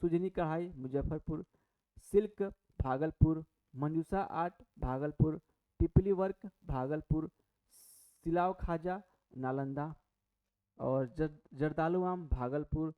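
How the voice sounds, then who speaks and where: A man's voice: on the high side, slow pace. A man teaching an exam-prep lesson, chatty, asking and answering his own questions with many fillers and restarts. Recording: tinny phone-like audio.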